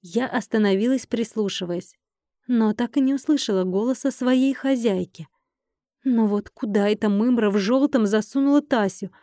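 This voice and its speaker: A woman narrating a fantasy audiobook in first person with a lively, expressive delivery. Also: fairly high pitch, moderate pace, no echo, studio quality.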